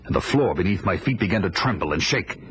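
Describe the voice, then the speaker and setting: A man's voice: low-pitched, lively intonation, fast talker, background noise. An actor playing a fierce, proud barbarian warrior who recounts his life in grandiose, theatrical audio-drama style. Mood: grand, brooding. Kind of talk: dramatic first-person narration, 1980s audio drama. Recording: dramatic music under the voice.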